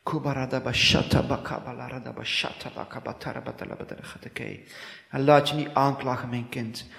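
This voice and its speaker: Male preacher, fervent prophetic prayer, repetitive, long hall reverb. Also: mid-range voice. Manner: fervent, repetitive, rising to loud declarations; breaks into speaking in tongues.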